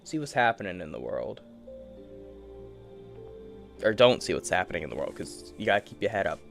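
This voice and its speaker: This gaming streamer's low voice is very animated, with vocal fry, at a normal speed, and faint music plays behind him. He chats to himself while gaming, loose and playful, amused by little things.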